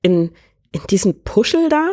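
A woman's voice: medium pitch, animated, moderate pace, a little mellow. A woman voicing a young princess in a storybook reading, with an earnest, determined manner. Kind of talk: storybook character voice.

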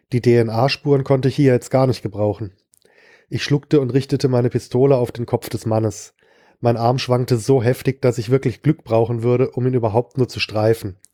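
A man reads a short story aloud in the first person with a dry, sardonic edge. His voice sits in a medium register and sounds dark and mellow. The recording is close and dry, with no room sound. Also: mid-range voice, no room sound. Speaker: narrator. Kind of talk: scripted narration of a short story.

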